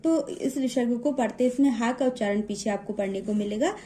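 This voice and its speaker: A woman's voice: fairly high pitch, fairly quick, mellow. A woman teaching children to read, patiently drawing out and repeating each example word and often checking that the listener is following. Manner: patient, stretches out example words and repeats them, frequent "okay?" check-ins. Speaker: Hindi teacher. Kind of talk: classroom-style reading lesson.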